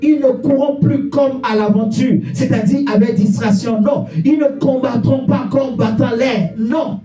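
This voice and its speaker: A man with an extremely high pitch and fairly even intonation preaches a little slowly but emphatically, repeating phrases and questioning his listeners rhetorically. The room echoes, the mic is distant, and music plays faintly.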